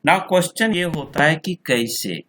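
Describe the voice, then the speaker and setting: Bright-voiced male accounting tutor, slow and repetitive. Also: a little high, big pitch swings, a little hiss or hum. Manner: slow, repetitive explaining, reads figures out twice. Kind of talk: screen-recorded software tutorial.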